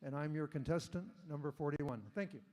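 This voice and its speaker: High-voiced man presenting auction items. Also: fairly even intonation, a little fast, noisy background. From Washington state, US. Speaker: auctioneer contestant. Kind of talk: stage sales presentation.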